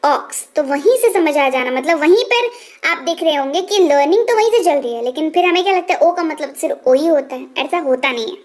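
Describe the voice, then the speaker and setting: A woman teaching English pronunciation as a lesson, often asking the viewer rhetorical questions and repeating each word slowly before giving its meaning. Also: high voice, animated. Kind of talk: explanatory spoken lesson.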